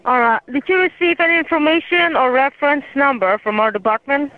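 A man's voice: very high-pitched, fairly quick, no echo. A man on a scam call pressing firmly for a reference number. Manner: firm and pressing. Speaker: phone scam caller. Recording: tinny phone line.

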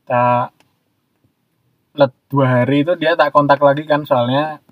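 A man tells a personal story in a loose, rambling way, pausing on fillers as he goes. His voice sits a little high. The sound is dry and close. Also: fairly even intonation, no echo, highs cut off. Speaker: storyteller guest. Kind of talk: casual chat.

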